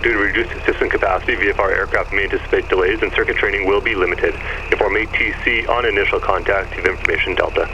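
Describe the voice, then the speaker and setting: A man reading an airport weather broadcast over aircraft radio in a flat, measured way, reeling off numbers and codes. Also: low-pitched. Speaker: recorded airport information announcer. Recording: muffled radio audio with loud engine noise. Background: loud aircraft engine.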